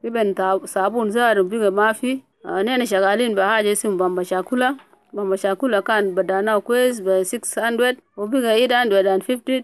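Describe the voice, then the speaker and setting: Quick-talking South Sudanese mother. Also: medium pitch, clear, resonant tone, no room sound. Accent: South Sudanese Arabic. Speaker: interviewee, refugee mother. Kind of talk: casual conversational testimony.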